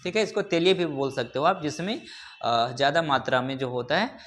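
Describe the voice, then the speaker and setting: A man teaching English vocabulary in a classroom lesson. He keeps asking his students questions, says "ठीक है" often, and repeats each word slowly. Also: mid-range voice, lively intonation, a bit bright, slight background noise. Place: classroom with a board.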